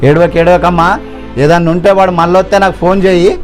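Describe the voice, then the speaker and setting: A man playing a blunt rural police officer who scolds men roughly and speaks kindly to women. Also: high voice, flat delivery, fast, music in the background, lightly acted. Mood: comforting. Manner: loud, scolding, rough village talk.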